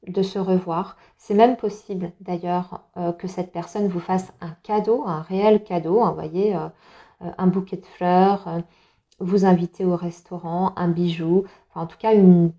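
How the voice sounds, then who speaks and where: A woman's voice: fairly low pitch, steady tone, moderate pace, dark tone, highs cut off. A woman giving a casual tarot reading to viewers, chatty and reassuring, with many fillers and restarts. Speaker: tarot reader.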